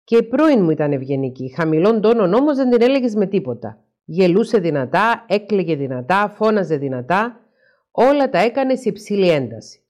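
A woman's voice: medium pitch, big pitch swings, darkish tone, natural voice. A woman reading as a troubled, frustrated husband. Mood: explaining.

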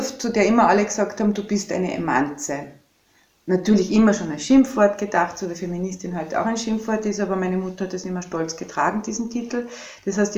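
A woman in her fifties with an Austrian German accent talks through her ideas slowly and reflectively. Her voice sits in a middle register. The recording carries a noticeable room echo. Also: mid-range voice, a little mellow, highs cut off. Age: 50s. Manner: reflective, measured, thinks aloud. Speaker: podcast guest, activist. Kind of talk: podcast conversation.

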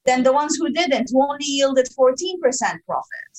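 A woman's voice: high-pitched, animated, moderate pace, darkish tone, low-quality recording. A woman from Sudan, a guest researcher, explaining her findings emphatically in a podcast interview.

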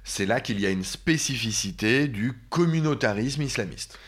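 A man hosting a podcast, asking measured questions and reformulating what his guest says. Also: medium pitch, expressive. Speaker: podcast host. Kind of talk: interviewer questions.

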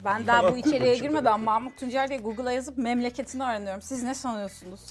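A woman co-hosting a casual show, teasing the players with riddle-like clues and quickly turning down their wrong guesses. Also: on the high side. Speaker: co-host. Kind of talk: casual chat, giving clues in a guessing game.

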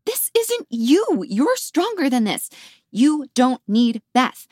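A woman's voice: high-pitched, sing-song, a little mellow, husky, no room sound, studio quality, heavily acted. A woman playing a blunt no-nonsense friend. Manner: brisk, no-nonsense. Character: blunt, bossy friend giving tough love.

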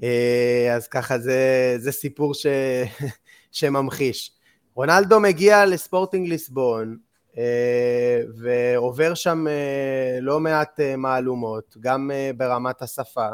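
A man of middling pitch tells stories on a podcast in a relaxed, chatty way. He gets animated as he goes and keeps filling pauses with hesitant "uh" sounds. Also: smooth. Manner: animated storyteller, many "uh" fillers. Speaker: podcast co-host. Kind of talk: casual storytelling chat.

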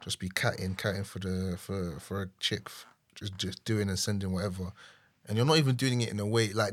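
A man's voice: on the low side, fairly bright tone, dry recording. A young man with a London accent chatting casually and giving opinions in a slangy roadman way. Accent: London, urban slang.

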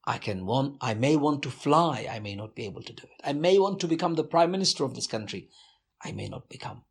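A man giving a measured, earnest, devout answer in an interview. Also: medium pitch, breathy edge.

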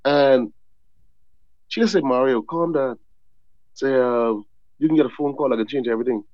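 This guest author from the Bahamas chats loosely in an interview, his animated storytelling full of repeated words. He speaks at a normal speed in a mid-range voice, with no room sound and a muffled quality to the recording.

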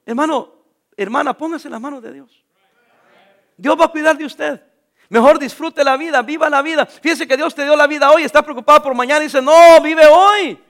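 A man's voice: very high-pitched, brisk, a bit bright. A middle-aged man preaching a sermon as a pastor, jovial and joking with the congregation.

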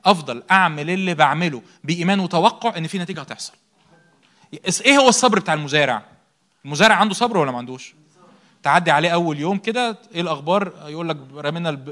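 A man's voice: high voice, animated, very fast, fairly bright tone. A young man with an Egyptian Arabic accent preaching a sermon, asking rhetorical questions, answering them himself and repeating key words for emphasis.

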